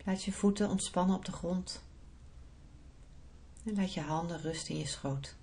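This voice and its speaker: Low-pitched woman guiding a relaxation visualisation. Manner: soft, slow, soothing guiding delivery. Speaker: podcast host, breathing therapist and yoga teacher.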